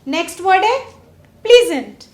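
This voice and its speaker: A woman teaching a class, asking her pupils questions and drawing out example words slowly. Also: extremely high pitch, very animated, reverberant. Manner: slow, drawn-out stress on example words; asks pupils questions and waits. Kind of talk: classroom lesson. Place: studio classroom.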